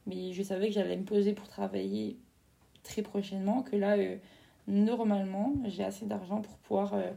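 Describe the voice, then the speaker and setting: Young woman, from France, casual solo podcast, rambling with fillers, gravelly fry, flat delivery. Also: mid-range voice, moderate pace. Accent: French. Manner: chatty, rambling, with many fillers and self-corrections. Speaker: podcast host.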